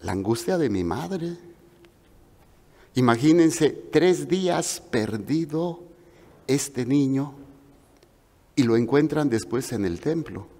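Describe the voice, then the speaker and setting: A man preaching a sermon with a Mexican Spanish accent, telling stories in an animated way and acting out the voices of the people in them. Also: medium pitch, takes it slowly, long pauses. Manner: animated storytelling with acted-out voices. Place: church hall. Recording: long reverb of a large hall.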